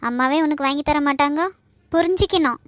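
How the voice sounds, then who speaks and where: A woman's voice: high-pitched, a little fast, no echo, natural voice. A woman voicing a weary, exasperated mother in a cartoon. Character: tired, strained mother.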